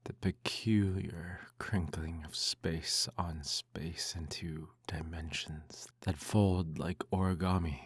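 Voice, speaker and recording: A man in an ASMR role-play reads a bedtime story aloud in a soft, intimate, hushed voice that slips into speaks softly. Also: deep voice, dry recording.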